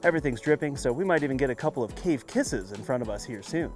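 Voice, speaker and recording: A male tour guide speaks on location in a cave over background music. His mid-pitched voice moves up and down in a lively way. He presents each sight in an explanatory, guided-tour style as he walks along. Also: fast talker. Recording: music behind the voice.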